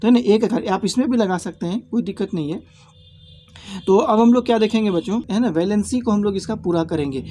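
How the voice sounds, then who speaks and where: A man teaching a lesson in a mellow, darker voice. He goes step by step and repeats each key point. He keeps checking that his students follow with short tag questions. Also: sits high, brisk, slight background noise. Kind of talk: classroom lesson.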